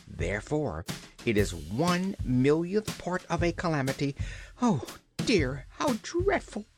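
A woman's voice: extremely low pitch, big pitch swings, unhurried, over music, pitched above the performer's own voice, full character voice. A woman voicing a gloomy, fussy little man who wails and complains about everything. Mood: fretful. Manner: wailing, complaining.

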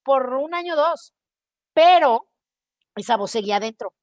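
A Mexican woman hosting a podcast, telling a personal story in a casual, expressive monologue and acting out the voices in her head. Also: high voice, normal speed, no echo, studio quality. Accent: Mexican Spanish. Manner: expressive, animated storytelling with quoted inner voices. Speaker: podcast host.

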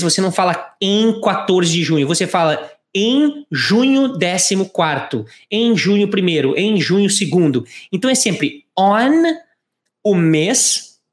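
Slow, lively woman teaching English. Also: lowish voice, echoey room. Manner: slow, careful model phrases for repeating. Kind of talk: bilingual language lesson with repetition drills.

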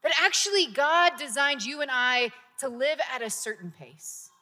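A woman's voice: sits high, animated, normal speed, pushed and bright. A woman pastor preaching a sermon in a conversational style, building to emphatic points. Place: church sanctuary. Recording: long hall reverb.

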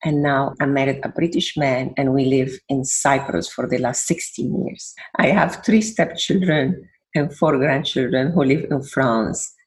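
An older woman with a Venezuelan accent, talking as a guest counselor in an interview. She sounds warm and reflective and sometimes searches for her words. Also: extremely low pitch, steady tone, unhurried. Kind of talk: interview conversation.

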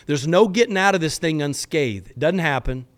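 A man's voice: on the high side, expressive, normal speed. A man hosting a faith podcast, giving an earnest, exhorting sermon-like teaching in casual language, often stumbling over repeated words.

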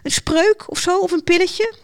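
A woman reads a naive young fairy-tale woman in a storybook, high and hesitant. She stammers and pleads in a light, raised voice, eager and a little helpless. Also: moderate pace. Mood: pleading. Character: sweet naive young woman hoping for a prince.

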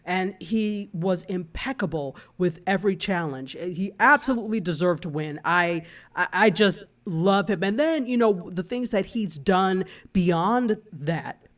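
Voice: mid-range voice, unhurried, few pauses. A speaker from Africa chatting casually as a panelist on a talk show, enthusiastic and full of restarts. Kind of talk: casual chat.

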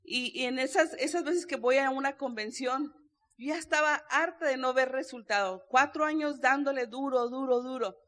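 A woman speaks from a convention stage, sharing her story in an earnest, personal way. Her voice sits high. She keeps turning to the audience and talking to them directly. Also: normal speed, a bit bright. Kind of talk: motivational stage testimony. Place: stage before a live audience.

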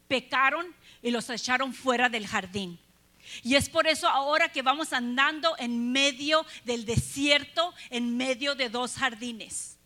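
Woman preacher, high bright voice, earnest sermon with rhetorical questions.

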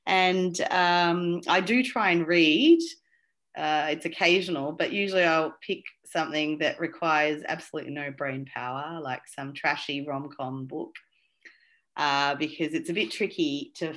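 A woman's voice: low voice, measured pace, fairly bright tone. A woman, an interview guest who talks casually with many fillers and restarts. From Australia. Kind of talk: conversational interview.

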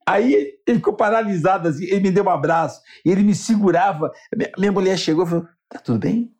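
A man's voice: sits high, fast talker, darkish tone. A Brazilian man, a motivational speaker and interview guest, telling a personal story earnestly and acting out the dialogue.

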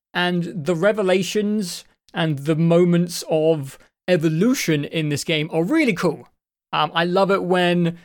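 A man with a slightly high, croaky voice, his throat refusing to clear, co-hosts a casual podcast about games. He rambles through the chat with restarts and the occasional swear.

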